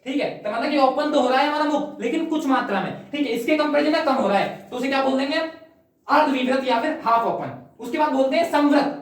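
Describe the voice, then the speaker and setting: Woman teaching in a very echoey room. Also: high voice. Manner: explains step by step, repeats "ठीक है", drawn-out sample vowels. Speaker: Hindi grammar teacher. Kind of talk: classroom lecture for exam prep. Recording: very echoey room, far from the mic.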